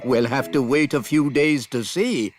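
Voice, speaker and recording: A man voicing a jolly elderly elf teacher in a children's cartoon, patient and learned, with a measured, instructive manner. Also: mid-range voice, faint music behind, natural voice. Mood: jolly, encouraging.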